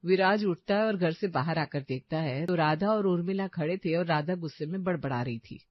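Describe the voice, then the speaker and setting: A woman narrating a cartoon story in an even, matter-of-fact way. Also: fairly low pitch, normal speed, no echo, lo-fi sound.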